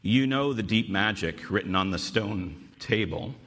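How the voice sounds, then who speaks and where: A man's voice: on the low side, lively intonation, measured pace, gravelly, a bit bright, heavily acted. A man reading the lines of a cruel, regal witch queen from a storybook, in a cold, formal manner.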